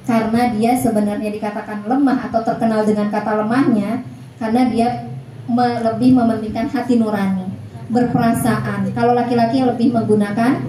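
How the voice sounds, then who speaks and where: Lady ustazah chatting to moms, warm mellow voice, roomy echo and faint background noise. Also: fairly high pitch. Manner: chatty, keeps checking in with listeners. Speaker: Islamic teacher. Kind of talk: informal lecture to mothers.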